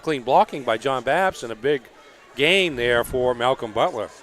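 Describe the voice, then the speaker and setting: Dude doing color commentary for high school football, normal pitch, chatty explaining the plays. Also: male voice, lively intonation, normal speed, a bit bright. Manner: conversational, explanatory.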